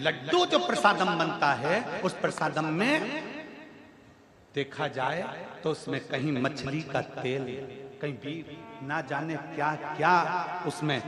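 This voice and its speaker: A man's voice: mid-range voice, unhurried, over music. A man preaching a devotional sermon to a large religious gathering, driving points home with repetition and rhetorical questions. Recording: echoey hall, crowd noise.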